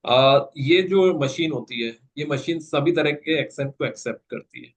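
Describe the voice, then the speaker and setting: A man's voice: mid-range voice, moderate pace, poor audio. A man with an Indian English accent teaching an online placement class, patiently explaining and mixing Hindi with English. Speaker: placement trainer.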